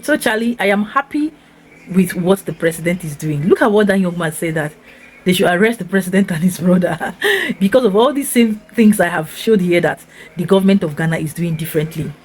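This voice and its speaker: A woman's voice: fairly low pitch, lively intonation, a little fast, breathy edge. Enthusiastic Nigerian woman vlogger. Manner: enthusiastic, repetitive and emphatic. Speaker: vlogger host. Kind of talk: casual reaction commentary.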